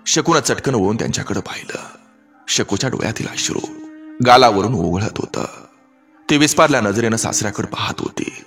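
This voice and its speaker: A male storyteller with a rural Marathi accent reading a dramatic village story with measured emotion. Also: fairly low pitch, expressive, fairly bright tone, soft background music.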